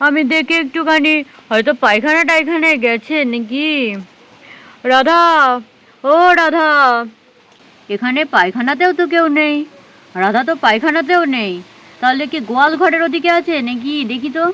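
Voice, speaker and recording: A woman's voice: high-pitched, pushed and bright. A woman voicing a fussing elderly grandparent in a doll story, calling out and soothing a crying baby.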